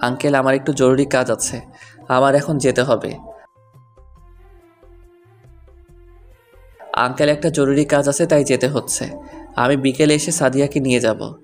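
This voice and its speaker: Teasing young husband, calm and stubborn, voiced by a man; mid-range voice. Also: medium pitch, normal speed, faint music behind, natural voice. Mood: cool. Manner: dry, teasing, level delivery. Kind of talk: Bengali audio story acting.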